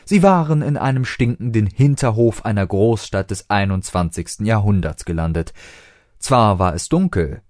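A man reading a story aloud in an expressive narrating voice. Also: fairly low pitch, no echo, clean studio sound. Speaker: reader.

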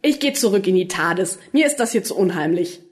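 A woman's voice: fairly low pitch, lively intonation, a little fast, lightly acted. A woman reading as a jumpy sassy young companion. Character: nervous, sharp-tongued young woman companion. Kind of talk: storybook reading.

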